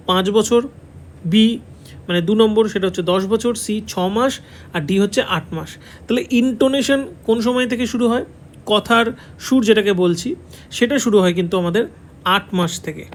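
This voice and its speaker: A man with a Bengali accent teaches an online exam-prep lesson in a high voice, going over each answer more than once and checking in with his students. Faint noise sits under the recording. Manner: repeats key answers, checks in with "ঠিক আছে". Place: classroom with a board.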